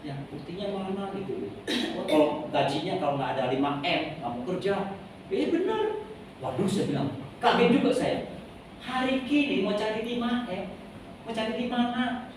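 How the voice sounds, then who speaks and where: A man's voice: high-pitched, normal speed. A middle-aged man, a pastor, giving an informal, rambling sermon and leading the congregation in reading aloud. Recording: very echoey hall, distant mic, noisy.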